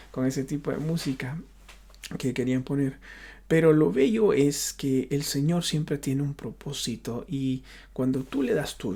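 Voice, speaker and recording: A medium-pitched, creaky, husky voice with a dark tone belongs to a Honduran pastor speaking with a Honduran Spanish accent. In his unrehearsed personal testimony he often pauses and repeats himself while reaching for words.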